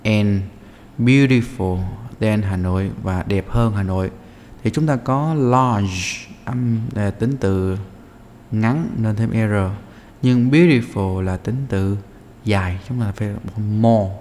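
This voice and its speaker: A man teaching a practice test, his voice sitting fairly low. He explains each answer step by step and pauses on hesitant fillers between points. The recording carries a long room reverb over faint background ambience. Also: a little mellow, slight background noise. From Vietnam. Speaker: English teacher. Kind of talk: walking through test answers.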